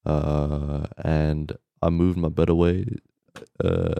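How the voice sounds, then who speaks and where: A young man speaks in a very low, relaxed voice, dryly recorded. He co-hosts a podcast like a frat bro, telling stories casually with slang and constant swearing. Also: slow pace, creaky, clear, resonant tone, dry recording. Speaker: podcast co-host. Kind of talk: casual chat, storytelling.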